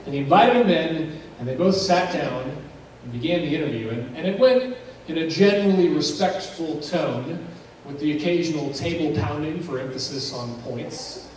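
A male pastor telling a story in a sermon, dramatic and suspenseful, with pauses that build tension. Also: fairly high pitch, a little mellow, slight background noise. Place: church sanctuary. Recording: very echoey church recorded from a distance.

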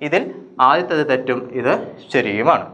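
A man teaching a grammar lesson for exam students. He asks questions and answers them himself, and repeats each word slowly. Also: mid-range voice, expressive, bright, forceful tone. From Kerala. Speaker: Malayalam teacher.

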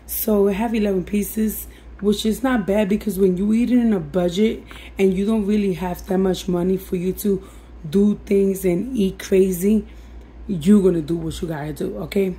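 Husky, hoarse woman vlogging. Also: medium pitch, fairly even intonation, normal speed, dark tone. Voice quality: raspy, husky, breaking voice. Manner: addresses viewers familiarly, encouraging. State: losing her voice, hoarse. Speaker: budget cooking vlogger. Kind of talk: casual chat to viewers over cooking demonstration. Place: home kitchen.

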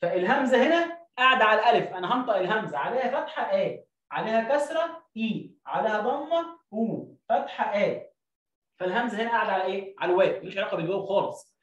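A man with an Egyptian accent teaching children to read, stretching syllables out slowly and then explaining in quick bursts. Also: high voice, expressive, a bit bright, reverberant, distant mic, muffled recording. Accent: Egyptian Arabic. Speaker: reading teacher. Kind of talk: children's reading lesson.

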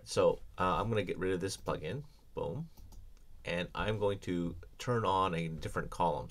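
Male audio instructor, low voice, easygoing screencast walkthrough with filler words. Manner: casual, explanatory, many ums and restarts. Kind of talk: screencast software tutorial.

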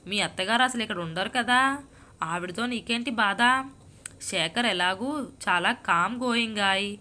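A woman voicing a patient, puzzled woman friend who keeps asking gentle questions, in a storybook reading. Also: mid-range voice, a little slow.

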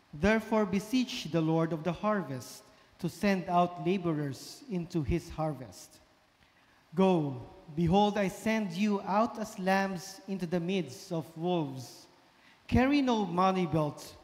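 A man with a high, light voice reads the gospel slowly and solemnly, every phrase trailing off into a long church reverb. He sounds like a priest at the ambo, with the cathedral echo hanging in the air around him. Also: darkish tone. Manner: measured, solemn liturgical reading. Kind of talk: reading the gospel at Mass. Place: large church.

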